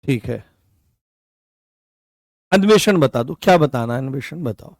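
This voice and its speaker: Creaky, expressive, and a little slow, a medium-pitched man coughs hoarsely through an online exam-prep lesson, regularly turning important points into questions for students. He uses his own mic, with no echo.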